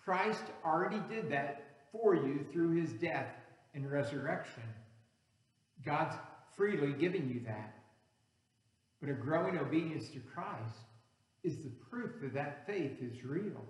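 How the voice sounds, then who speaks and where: Man, pastor, sermon, second-language english, earnest teaching, raised pitch, long hall reverb. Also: lively intonation, a little slow. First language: not English. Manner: earnest, teaching, building emphasis on key words. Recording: echoey hall, reverberant room.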